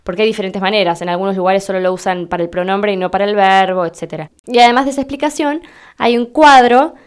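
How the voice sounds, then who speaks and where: A woman with an Argentine Spanish accent giving a slow, deliberate explanatory lesson, spelling things out for her listeners. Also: mid-range voice, smooth. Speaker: Spanish teacher.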